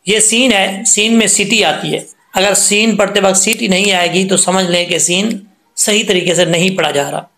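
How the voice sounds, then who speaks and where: A man teaches Quran recitation, drawing out syllables and repeating them patiently. His voice sits high, and it rings around a reverberant room. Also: steady tone, moderate pace, sharp tone. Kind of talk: tajweed lesson explaining letter sounds.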